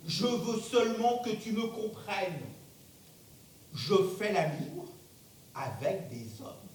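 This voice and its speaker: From far off in an echoey theatre comes an arrogant, blustering power broker. He declaims slowly and emphatically, in a very high voice full of angry denial. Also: big pitch swings, exaggerated voice. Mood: insistent, proud. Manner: emphatic, declamatory, bursts into shouting. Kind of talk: theatrical stage monologue. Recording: distant mic, very echoey theatre, rumbling noise.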